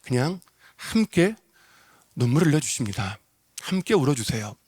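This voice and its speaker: A man's voice: mid-range voice, big pitch swings, moderate pace, darkish tone, breathy edge. A male pastor preaching an emotional sermon, repeating phrases for emphasis, in a large church sanctuary. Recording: long reverb of a church hall.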